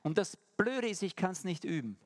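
Man preaching, slightly high voice, animated delivery, rhetorical questions to the congregation, slow emphatic lines. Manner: lively, shifting between quick asides and slow emphatic lines. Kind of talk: sermon.

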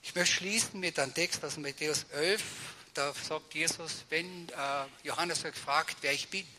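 A man preaching a sermon in a conversational, storytelling way, often tagging his sentences with questions to the congregation. He swings between loud excited bursts and quiet, low-voiced passages. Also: moderate pace, noisy background. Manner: conversational, animated storytelling with frequent tag questions.

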